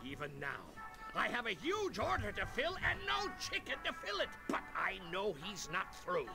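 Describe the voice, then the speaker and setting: An actor voicing a jolly, melodramatic pirate captain in a cartoon adventure game, with a stage pirate accent and a gravelly, grandiose delivery. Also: male voice, high voice, huge pitch swings, moderate pace, exaggerated voice. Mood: ominous, dramatic. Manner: theatrical, grandiose, swooping exclamations. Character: jolly, melodramatic old pirate captain running a chicken restaurant. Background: music.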